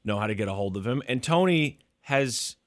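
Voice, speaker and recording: A man's voice: medium pitch, animated, a little fast. A man hosting a podcast, chatting casually with his co-host and guest.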